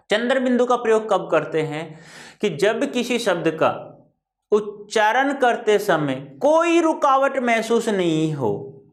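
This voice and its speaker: Male teacher, high voice, patient repetitive explaining, classroom-style lesson. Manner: repetitive, drawn-out explaining, addressing students as "beta".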